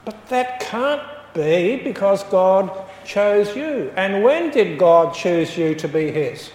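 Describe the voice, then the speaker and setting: A man preaches in a high, unhurried voice. He tells his story and drives home each point with emphasis. His words ring through a roomy church hall with a long echo. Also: animated, a little mellow, slight background noise. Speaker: pastor. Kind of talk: sermon.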